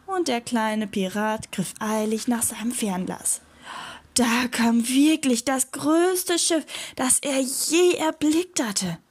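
A woman reading a children's adventure story aloud in a gentle storytelling manner. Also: a little high, slow pace, husky.

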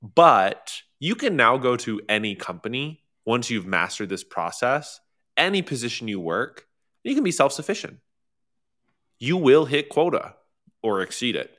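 Bright-voiced man co-hosting a sales webinar. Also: medium pitch, very animated, measured pace. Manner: enthusiastic, frequent affirming interjections. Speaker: workshop co-host. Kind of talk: casual live webinar talk. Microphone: close to the mic.

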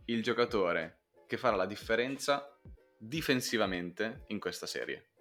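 A man's voice: lowish voice, expressive, unhurried, fairly bright tone, soft background music. A man hosting a casual basketball chat, speaking emphatically and informally and dropping in English sports slang. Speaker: sports podcast host.

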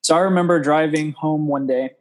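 A man's voice: a little high, fairly even intonation, brisk, low-quality recording. A young man as an interview guest, telling his story in an earnest, rambling way and often quoting what he said to himself.

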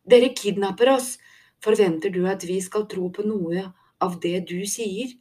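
A woman voicing a bold, angry young girl who shouts loud and shrill at her kidnappers in a storybook reading. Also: natural voice. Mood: sarcastic, furious.

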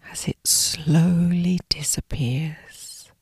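A woman narrating a scripted sleep story as a guided meditation, in a breathy, hushed, soothing whisper. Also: sits low, extremely slow, no room sound.

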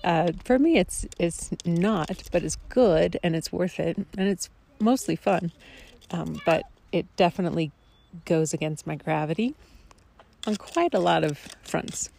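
Casting: woman vlogger, lowish creaky voice, casual, reflective and hesitant. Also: unhurried, darkish tone. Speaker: family camping vlogger. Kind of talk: casual vlog talk.

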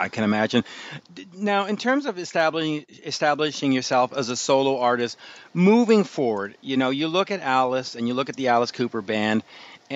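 A man's voice: mid-range voice, lo-fi sound. A tired man interviewing a musician, rambling and stumbling over his words with a self-deprecating manner. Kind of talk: casual interview.

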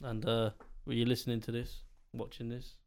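A man's voice: mid-range voice, completely flat delivery, moderate pace, a little mellow, slight background noise. A man with a London roadman accent chatting casually and in slang on a podcast. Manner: London roadman slang, saying 'bruv' and 'innit'-type tags.

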